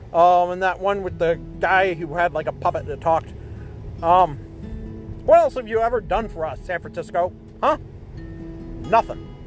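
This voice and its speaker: High-voiced man in a grumbling rant. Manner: grumbling, sarcastic, mock-villainous ranting. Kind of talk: comedic rant.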